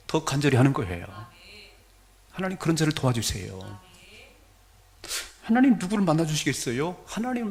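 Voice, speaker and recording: A male pastor preaching a sermon to his congregation, acting out scenes and quoting as he goes. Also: on the high side. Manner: animated, acts out scenes and quotes.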